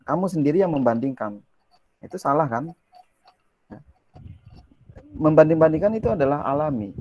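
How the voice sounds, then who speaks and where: A man with a gravelly, mellow voice teaches a relaxed language lesson. He reads English phrases slowly, then explains them in quick, chatty Indonesian and asks his listeners questions. The sound is close and dry. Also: medium pitch, dry recording, highs cut off.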